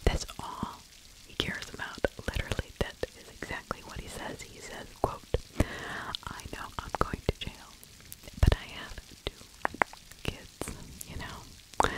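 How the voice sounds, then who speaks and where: Whispering steadily in breathy ASMR style with no voice at all, a middle-aged woman recounts true crime, pausing often and sounding conversational and opinionated. She sits right up against a furry-windscreened microphone, and the recording quality is low.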